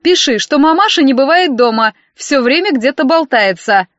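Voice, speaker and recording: A woman's voice: high-pitched, lively intonation, moderate pace, no echo. Woman voicing a spiteful, scolding female inspector. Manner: scolding, sneering, loud. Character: spiteful middle-aged female welfare inspector. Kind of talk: audiobook character reading. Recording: dry, dull lo-fi audio.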